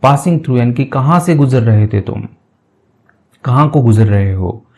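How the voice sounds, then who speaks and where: A male teacher with a mellow, warm voice works through an English passage in a lesson. He reads each phrase slowly and deliberately, then breaks it down word by word with patient explanations. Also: mid-range voice, expressive.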